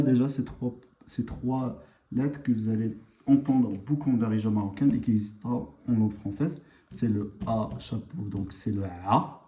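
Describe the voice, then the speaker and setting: A man gives a live language lesson in a slow, halting way, filling his pauses with hesitations. His voice is deep and very dark in tone. The sound has a roomy echo and a faint background hiss. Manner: unhurried, hesitant, many fillers. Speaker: language teacher.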